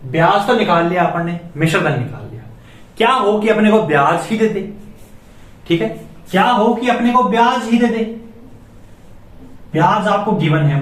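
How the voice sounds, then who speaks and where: A man's voice: sits high, fairly bright tone. A man teaching a maths lesson, putting questions to the class and then answering them himself. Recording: echoey room, voice from far off.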